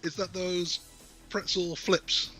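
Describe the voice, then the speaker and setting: A man co-hosting a wrestling podcast, chatting casually and laughing often in a relaxed, bantering way. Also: sits high, slow, faint music behind. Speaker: podcast co-host. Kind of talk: casual chat reviewing wrestling results.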